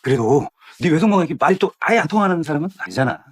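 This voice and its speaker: A weak-willed middle-aged uncle in a dubbed TV drama. His husky voice bobs up and down as he fusses and soothes. He tries to calm everyone down. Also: a little high, very fast. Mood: placating. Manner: fussing, soothing, evasive.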